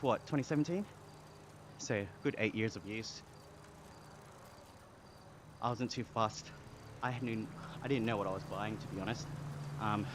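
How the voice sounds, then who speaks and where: A young Australian man from Sydney chatting casually on a live stream, relaxed and talkative as he reads and answers chat. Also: on the low side. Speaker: livestreamer. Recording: clear background noise with insects.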